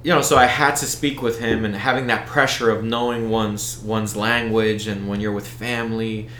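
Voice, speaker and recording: Pushed and bright, the fairly low voice of an American man comes through an echoey room with a bit of hiss or hum, flat in delivery and at normal speed. He's an event organizer appearing as an interview guest, speaking casually and loopingly, full of fillers and restarts.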